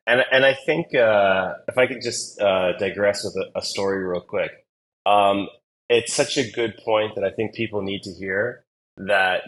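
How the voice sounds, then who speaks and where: A man with a fairly low voice tells stories as an admissions consultant. He talks in a loose, conversational way, full of "uh"s, repeats and quick restarts. His pitch climbs as the anecdotes get livelier. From Singapore. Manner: animated storyteller with many fillers and restarts. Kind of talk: casual interview storytelling.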